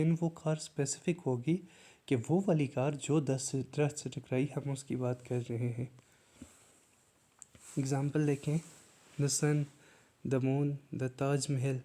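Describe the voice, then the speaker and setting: A man's voice: a little high, dark tone. A man from Pakistan, teaching an exam grammar lesson and explaining it step by step. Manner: explains step by step, reads English definitions slowly.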